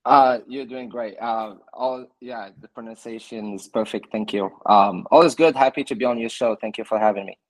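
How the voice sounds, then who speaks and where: A Moroccan soccer coach answers interview questions in a relaxed way, chaining his ideas together with "and so." His voice is medium in pitch at a moderate pace with few pauses, and the audio is poor though echo-free.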